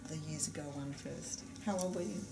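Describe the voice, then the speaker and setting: Woman, lower voice, gentle questioning, therapy class, noisy room. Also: a little fast, gravelly. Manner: gentle probing questions, frequent affirmations. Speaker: EFT practitioner running a class.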